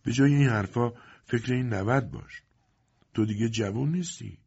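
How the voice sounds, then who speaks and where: A man voicing a practical middle-aged merchant wife who talks in a brisk, scolding way, in an audiobook. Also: medium pitch, creaky, dark tone, breathy edge, dull audio, voice pushed up.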